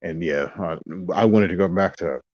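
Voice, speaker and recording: A low-pitched man rambles through a casual monologue, wandering off into asides. The recording is dry and dull, with a lo-fi edge. He sounds like he is talking to himself as much as to viewers. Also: normal speed, dry recording. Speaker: vlogger.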